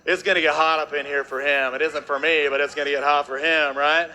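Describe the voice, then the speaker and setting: A man presenting on stage to a live audience, energetic and jokey, working the crowd with constant tag questions. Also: a little high, fairly quick.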